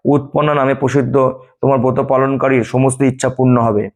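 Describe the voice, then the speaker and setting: A man voicing the god Vishnu, a majestic male deity granting boons, in a solemn, measured storytelling read. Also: medium pitch, level tone, darkish tone, close to an everyday voice.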